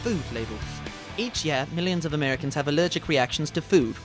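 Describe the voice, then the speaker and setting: Man, slightly high voice, reading a radio announcement, faint music behind. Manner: steady, measured, careful reading.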